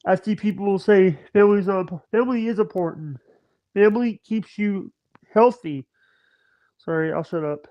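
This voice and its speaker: A man in his thirties chatting on a livestream video call, talking in halting bursts with many stammers and restarts. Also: high-pitched. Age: 30s. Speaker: livestream guest. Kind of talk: casual chat. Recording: dull lo-fi stream audio.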